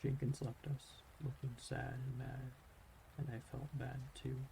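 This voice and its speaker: Hushed man reading, very gravelly and flat. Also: mid-range voice, a little slow. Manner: soft, hushed reading under the breath. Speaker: reader. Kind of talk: quiet audiobook-style reading of a military science fiction story. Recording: steady rain-like noise behind the voice. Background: rain.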